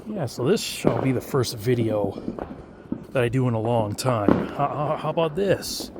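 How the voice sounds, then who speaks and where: A man's voice: mid-range voice, expressive, a little slow, very noisy. A man vlogging outdoors at night, rambling casually with many fillers and hesitations. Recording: loud fireworks and firecrackers outdoors.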